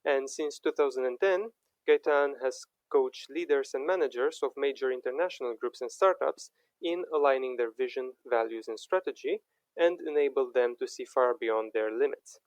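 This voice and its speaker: A man's voice: medium pitch, moderate pace, no echo, rough recording. A young man hosting a podcast interview, speaking with frequent fillers and restarts. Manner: hesitant, many fillers and restarts. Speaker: podcast host.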